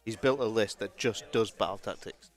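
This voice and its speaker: A man with a lowish voice co-commentates a tabletop game match, chiming in with easy agreement. Faint music sits underneath his voice. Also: normal speed. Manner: agreeable, chiming in with short replies. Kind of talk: casual live-stream commentary.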